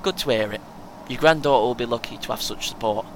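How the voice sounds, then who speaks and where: A man speaks quickly in his natural voice, playing a cheeky, chatty 23-year-old British marathon runner with a casual, laddish manner in an audio play. A clear rumble of vehicle noise fills the background.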